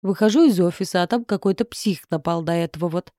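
A woman's voice: fairly low pitch, fast talker, warm tone, dry recording, clean studio sound, natural voice. A woman voicing a blunt, grumbling young office worker in an audiobook. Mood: indignant. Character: brash young male office worker, nasal. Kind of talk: audiobook reading.

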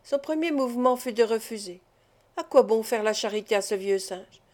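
A woman's voice: on the high side, animated, moderate pace, darkish tone. Woman reading a novel aloud. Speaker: audiobook reader. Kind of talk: literary audiobook narration.

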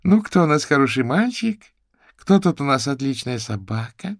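Guy reading as a young woman, high girlish voice, bit gravelly underneath, audiobook. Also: lively intonation, fairly quick, no room sound, clean studio sound. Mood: menacing. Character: young woman, tearful then armed and menacing.

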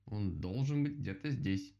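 A man voicing a grumpy, quick-tempered male rabbit in a children's story, whiny and irritable. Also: lowish voice, lively intonation, vocal fry, warm tone. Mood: sulky. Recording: dull lo-fi recording.

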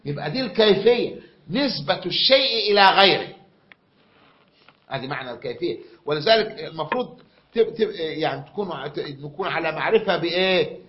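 A man's voice: a little high, expressive, brisk. A man with an Egyptian accent giving a classroom lecture, often repeating himself and quizzing his students. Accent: Egyptian Arabic. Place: lecture room. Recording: dull lo-fi recording.

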